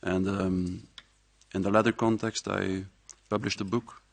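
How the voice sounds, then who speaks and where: A man with a low voice and a gravelly edge talks to an audience like a professor giving a lecture. He is measured and reflective. The sound is dry and close. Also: flat delivery, no echo. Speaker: university professor giving a talk. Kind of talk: public speech at a presentation. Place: live event before an audience.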